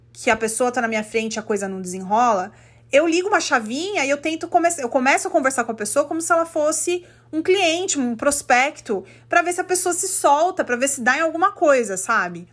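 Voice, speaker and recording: A woman from Brazil hosting a podcast, telling a story in a casual, animated and indignant way and acting out the quotes. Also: high voice, fairly quick. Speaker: podcast host. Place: living in the United States.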